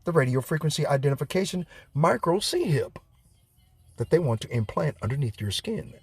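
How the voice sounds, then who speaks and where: A man's voice: fairly high pitch, sing-song, moderate pace, slightly rough, no echo, soft background music. Dry-sounding man preaching from home. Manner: preachy, rambling, profane asides. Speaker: self-styled preacher. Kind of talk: home video Bible teaching.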